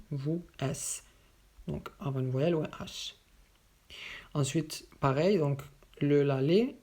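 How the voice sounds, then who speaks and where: A French teacher explaining grammar slowly and patiently, working through many example sentences. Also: mid-range voice, darkish tone. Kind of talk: grammar lesson.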